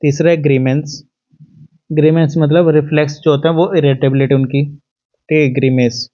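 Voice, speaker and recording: A man with an Indian accent teaching an online exam-prep lesson, explaining step by step and reading questions out slowly in English. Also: fairly high pitch, fairly even intonation, dark tone, muffled recording.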